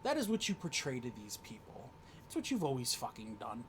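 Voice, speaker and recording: Man yelling in a wrestling promo, cusses a lot, stumbles over words, bit of low rumble in the background. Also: huge pitch swings, fairly quick. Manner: heated, profane, shouting and stammering. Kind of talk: in-ring promo argument.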